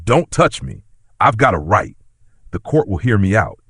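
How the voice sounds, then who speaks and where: A man's voice: low-pitched, expressive, moderate pace, breathy edge, no echo, clean studio sound. A man reading the lines of a desperate, drunken estranged father in a story narration. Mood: defensive. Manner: pleading, slurring.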